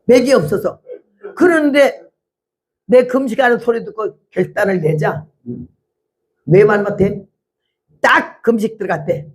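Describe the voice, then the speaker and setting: Elderly woman missionary in her 80s, blunt and animated, testimony sermon. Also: a little high. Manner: blunt, animated storytelling with acted-out quotes. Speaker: missionary preacher.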